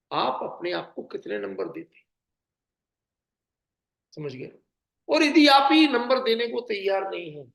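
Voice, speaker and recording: A man's voice: high voice, vocal fry, a bit bright, reverberant. A man, a teacher giving an earnest talk with a story, asking his audience rhetorical questions. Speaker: teacher and speaker. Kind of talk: motivational talk with a told anecdote.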